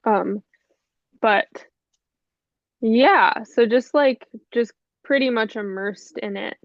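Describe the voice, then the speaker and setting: A young woman, a musician guest, chats casually in an interview, her voice a little high and slow and mildly stuffy. She rambles in a relaxed, easygoing way, with lots of fillers and soft laughs. The call audio is dull and lo-fi, and the sound is dry, with no echo.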